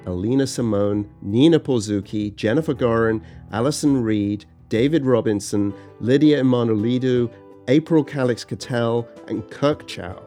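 A man co-hosting a scripted podcast conversation in a relaxed, reflective way. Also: mid-range voice, moderate pace, faint music behind. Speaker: podcast co-host. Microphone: studio microphone.

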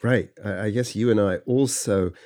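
A man co-hosting a scripted podcast conversation in a relaxed, reflective way. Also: fairly low pitch, normal speed. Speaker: podcast co-host. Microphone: studio microphone.

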